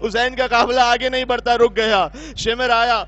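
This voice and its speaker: Impassioned high-voiced male preacher. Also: fairly even intonation, fairly bright tone. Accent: Pakistani Urdu. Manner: impassioned, weeping and crying out. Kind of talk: Muharram majlis sermon. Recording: dull lo-fi recording.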